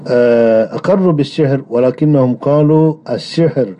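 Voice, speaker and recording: A man delivering a religious lecture on creed in a measured way, often pausing on drawn-out hesitation sounds. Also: mid-range voice, warm tone. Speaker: religious teacher. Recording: dull lo-fi recording.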